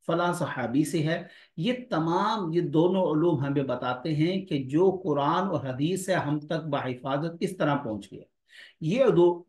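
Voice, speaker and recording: Man lecturing students in an echoey room. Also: on the high side. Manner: explanatory, addresses students directly. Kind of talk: academic lecture.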